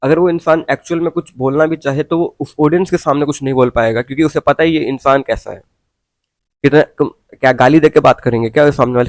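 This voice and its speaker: A man's voice: medium pitch, darkish tone, dry recording. A young man ranting casually to camera, blunt and preachy, mixing in English phrases and slang. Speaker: vlogger. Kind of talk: casual opinion rant.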